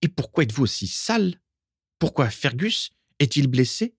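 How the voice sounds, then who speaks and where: A furious woman shrieks her accusations high above a normal speaking voice, put on by a man reading a storybook. She stays suspicious and hostile, her pitch straining upward. The sound is close and dry. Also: very animated, moderate pace, breathy edge, no echo. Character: furious shrill adult woman. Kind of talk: audiobook reading.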